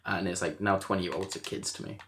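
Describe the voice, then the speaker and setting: A young man in his twenties hosting a casual podcast chat, his voice sitting fairly low. He laughs a lot and tells stories in an animated way. A faint hiss runs underneath. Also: fairly quick. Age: 20s. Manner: laughs often, animated storytelling. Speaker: podcast host.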